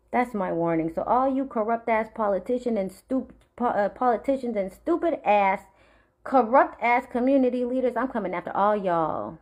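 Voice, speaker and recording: A young woman from the Marshall Islands, ranting straight to camera in a profane, threatening way that sometimes sinks to a low, menacing murmur. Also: lively intonation, normal speed, a little mellow. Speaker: vlogger. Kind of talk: angry direct-to-camera rant.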